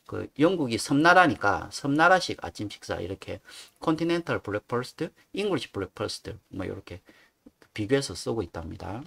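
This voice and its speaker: A man's voice: fairly low pitch, vocal fry, fairly bright tone. A man teaching English vocabulary in a casual, chatty lecture style, explaining with filler words.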